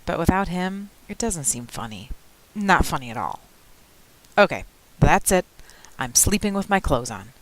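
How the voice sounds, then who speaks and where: Expressive woman reading a novel aloud. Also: low voice, moderate pace, long pauses, rough recording. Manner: expressive first-person storytelling, lively asides.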